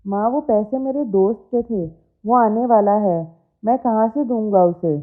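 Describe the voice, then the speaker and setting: A woman's voice: a little high, measured pace, phone-quality sound, soft background music. Woman doing a worried grown son. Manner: anxious, pressing.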